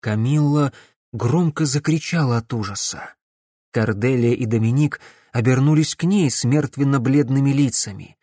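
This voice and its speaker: A man narrating a dark fantasy audiobook in a measured storytelling manner. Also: medium pitch, no echo, clean studio sound.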